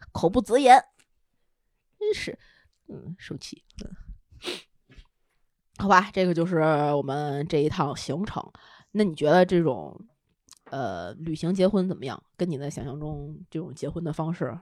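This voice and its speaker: A woman podcast co-host telling a travel story in casual chat, animated and often laughing as she acts out quotes. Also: sits low, unhurried, pauses often, dry recording, studio quality.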